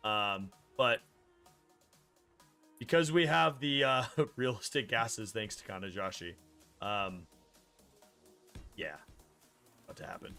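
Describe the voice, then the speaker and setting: A man's voice: lowish voice, takes it slowly, long pauses, sharp tone, soft background music. A man in his thirties hosting a casual game stream, chatty and explaining rules at length. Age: 30s.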